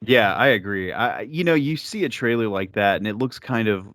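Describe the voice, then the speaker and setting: A man's voice: lowish voice, animated, brisk, fairly bright tone, no echo. A man hosting a podcast, chatting casually about movies in a rambling way with lots of fillers. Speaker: podcast host.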